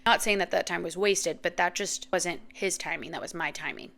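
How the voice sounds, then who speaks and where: A woman in her thirties talks through a reflective faith podcast monologue. Her voice sits on the low side with a gravelly, fry-tinged texture. She speaks earnestly and heartfelt, filling pauses with "like" and "you know", and is close to tears. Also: a bit bright. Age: 30s. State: emotional, near tears. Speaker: podcast host.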